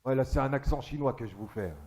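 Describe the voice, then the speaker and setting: A man's voice: medium pitch, fast, darkish tone. A man doing a stand-up comedy monologue on a theatre stage, chatty and crude, teasing the audience.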